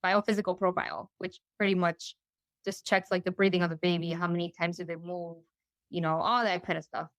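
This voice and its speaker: Young woman, chatty guest storyteller; smooth voice, dry close recording. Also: fairly low pitch, little pitch movement, fairly quick, no room sound. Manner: chatty, full of "you know" and "like", acting out quoted voices. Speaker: interview guest. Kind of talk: casual storytelling.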